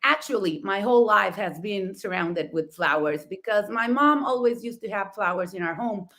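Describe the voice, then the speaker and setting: With a medium-pitched, expressive, fairly bright voice at normal speed, this middle-aged Mexican woman tells her story as a co-host. A native Spanish speaker with a Mexican accent, she works as a florist and talk show co-host, and she's enthusiastic, quick to laugh, and prone to rephrasing with "I mean."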